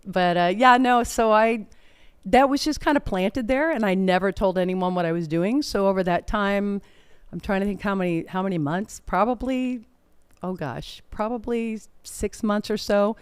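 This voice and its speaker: A middle-aged woman chats through her stories in a relaxed interview, often breaking into laughter. Her voice is smooth and resonant, and the recording is close and dry. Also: mid-range voice, moderate pace, no echo. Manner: chatty, laughing, animated storytelling. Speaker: performer and guest. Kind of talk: casual interview chat.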